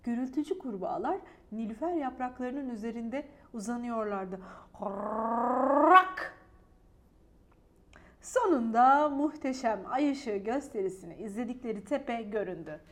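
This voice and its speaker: Woman storyteller, high voice, gentle expressive read-aloud for kids. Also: moderate pace, hardly any pauses. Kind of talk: children's story reading.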